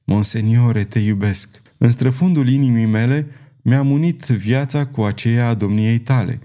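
A man reading an audiobook, voicing a gentle and devoted young woman who speaks tenderly and pleadingly. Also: mid-range voice, lightly acted.

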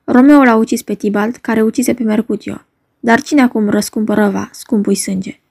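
Stern duke read by a woman, measured, mellow voice. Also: on the high side, steady tone, creaky, slightly rough. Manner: measured, commanding. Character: stern ruling duke, solemn authority. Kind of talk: dramatic reading of a play.

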